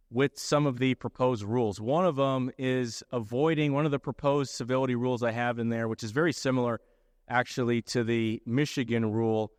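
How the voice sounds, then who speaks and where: Man, middle-aged, lawyer presenting, mid pitch, explanatory, dry close sound. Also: no echo. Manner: explanatory, often checks in with "okay?". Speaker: lawyer giving a talk. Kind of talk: conference presentation.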